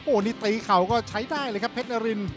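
A man's voice: very high voice, quick pace. A man commentating live on a Muay Thai fight as part of a broadcast team. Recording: loud music mixed behind the voice.

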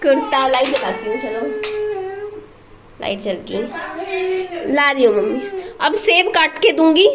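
High-voiced young mother vlogging at home. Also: animated, takes it slowly, long pauses, over a noisy crowd. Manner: scolding yet coaxing, talks to child and viewers. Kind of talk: casual home vlog chat.

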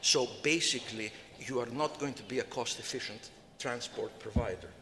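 Brief: older male panelist, bright tense tone, halting with fillers, reverberant conference hall. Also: medium pitch. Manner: rambling, many fillers and restarts. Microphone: table microphone. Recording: reverberant hall, faint noise.

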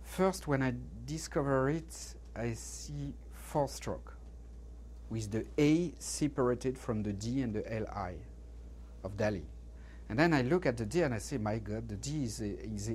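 A man, an art expert, answering interview questions haltingly, searching for words. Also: medium pitch, darkish tone, a little hiss or hum.

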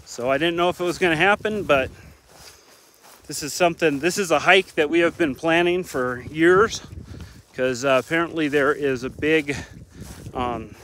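A chatty man in his thirties live-streams from an open mountain slope, his voice sitting a touch high. He talks upbeat and slightly breathless into a phone held at arm's length, with faint outdoor noise in the air. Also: moderate pace, fairly bright tone. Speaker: vlogger and hiking dad. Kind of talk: live-stream hiking vlog.

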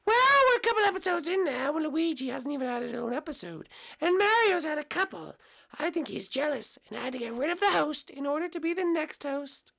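A man voicing a small, cocky mushroom character in a squeaky, nasal, strained high voice, pushy and impatient in a homemade puppet comedy. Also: big pitch swings, brisk, creaky, pushed and bright, full character voice. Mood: brash. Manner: brash, impatient.

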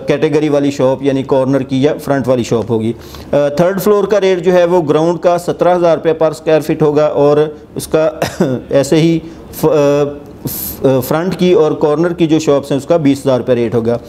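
Host, 40s man, Pakistani Urdu accent, mellow slightly high voice, halting explainer delivery, lapel mic, faint room hiss. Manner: hesitant, many filler sounds, steady explanatory tone; seated, gesturing with hands while reading notes. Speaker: property channel host. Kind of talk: explaining a real estate project to camera. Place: indoor office with armchair.

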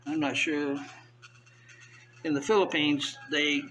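A man's voice: fairly high pitch, slow, a little hiss or hum, rough recording. Chatty older man filleting fish. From US South. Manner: relaxed, chatty, thinking aloud while filleting fish. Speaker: vlogger. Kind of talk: casual how-to narration. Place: indoor tiled kitchen counter.

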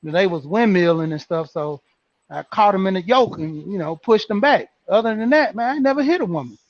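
A man's voice: sits high, animated, a little fast, no room sound. A man telling a story in loose, slangy casual talk, quoting his relatives. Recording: dull lo-fi audio.

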